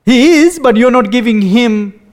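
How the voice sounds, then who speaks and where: A man preaching a sermon, reading dramatically and dropping to a hush, repeating words as he speaks off the cuff. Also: very high-pitched, lively intonation, a little slow.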